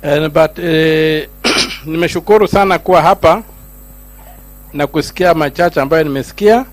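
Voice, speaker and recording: A middle-aged senator with a Kenyan accent gives a public speech at a gathering, shifting between Swahili and English with rising, emphatic lines. His voice is on the high side, at a moderate pace.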